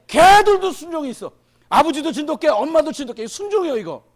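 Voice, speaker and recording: Male pastor in his fifties preaching, high lively voice, jumps from shouts to mutters. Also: fast. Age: 50s. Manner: animated, swings from shouting to muttering asides, plays out little scenes. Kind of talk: sermon.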